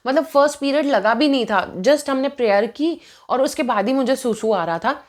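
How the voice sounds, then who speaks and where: A young woman in her twenties, sitting down to tell a personal story in a loose, chatty way. Her voice sits a little high, and she jumps between Hindi and English mid-sentence, sounding lively and indignant as she goes. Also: normal speed. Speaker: vlogger telling a personal story. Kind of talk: casual storytime narration.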